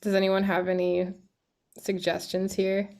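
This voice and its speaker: A woman's voice: medium pitch, monotone, a little slow, darkish tone. A woman teaching a string student in a studio class, chatty and encouraging, singing out passages and using lots of fillers. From Canada. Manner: encouraging, chatty, many fillers and sung examples. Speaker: music teacher.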